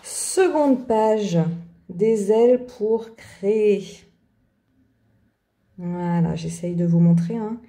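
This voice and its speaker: Lady showing her craft pages, lots of ums, slow and dark, echoey room. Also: mid-range voice. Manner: chatty, hesitant with many fillers. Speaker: art journaling creator. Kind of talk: casual craft tutorial chat.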